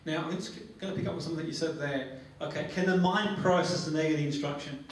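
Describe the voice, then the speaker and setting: A man's voice: fairly high pitch, fast talker. A man leading a training demonstration in guided relaxation, instructive and repeating his phrases. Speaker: phobia therapy trainer. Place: echoey training room with a group. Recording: very echoey, distant mic, faint noise.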